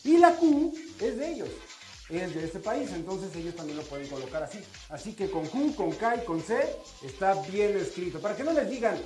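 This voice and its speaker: A woman's voice: mid-range voice, very animated, moderate pace, mellow, faint music behind. Playful woman co-host in a roomy studio. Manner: playful, laughs often, explains. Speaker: radio co-host. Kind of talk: casual chat.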